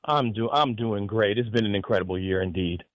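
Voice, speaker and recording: A man appearing as a guest on a radio talk show, chatting casually in a quick, good-humored way. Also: fairly low pitch, heavy background noise.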